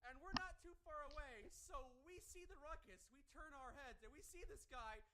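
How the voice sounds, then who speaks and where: A man's voice: very high-pitched, normal speed. A man, an army veteran, telling stories in a casual stream chat and laughing as he goes. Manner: animated storyteller who laughs while telling.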